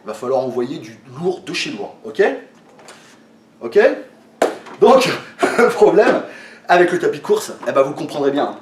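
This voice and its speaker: A man's voice: on the high side, sing-song, a little slow, long pauses, background noise. A man explaining a training method to his viewers in a casual way, with lots of fillers and restarts, a little tired. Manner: hesitant, many fillers and restarts, addresses viewers as friends. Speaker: fitness coach. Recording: echoey room, from a distance.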